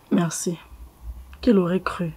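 Woman as a composed mourning girlfriend, slightly husky. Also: lowish voice, full character voice. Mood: amused. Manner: composed, soft-spoken, philosophical. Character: calm grieving young woman, dead brother's ex-girlfriend.

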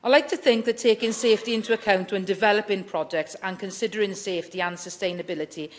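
A woman's voice: medium pitch, fast. A middle-aged woman, speaking as a member of parliament in a chamber debate, reading prepared remarks firmly and earnestly. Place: large wood-panelled debating chamber.

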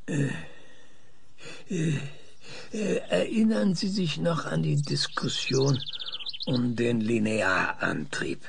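Male actor for older obsessive scientist, audio drama: stammering, pedantic, gravelly, faint noise behind. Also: medium pitch, animated, slow, long pauses. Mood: pedantic, hesitant. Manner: hesitant stammering, pedantic, insistent. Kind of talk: German audio drama acting.

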